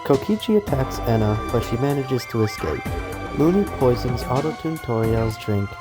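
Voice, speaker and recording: A man's voice: medium pitch, expressive, normal speed. A man giving a hammy, theatrical dramatic reading as narrator of survival-game events. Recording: music under the voice. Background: background music.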